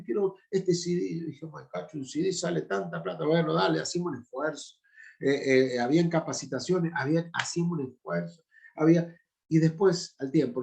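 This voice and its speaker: A man's voice: medium pitch, darkish tone. A man in his fifties with an Argentine Spanish accent, a pastor teaching a Bible class in an informal sermon style, with emphatic, chatty asides. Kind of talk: informal sermon-style lecture with personal stories.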